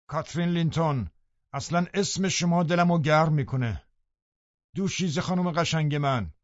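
A man's voice: on the low side, no echo, dull audio. A man voicing a scheming, brooding middle-aged landowner who talks in a menacing way. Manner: menacing, then loudly pleading.

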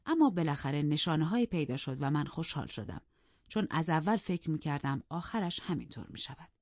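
Low-voiced woman reading a novel aloud. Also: no echo, muffled recording. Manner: measured, calm storytelling. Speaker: audiobook narrator. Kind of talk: scripted narration of a novel.

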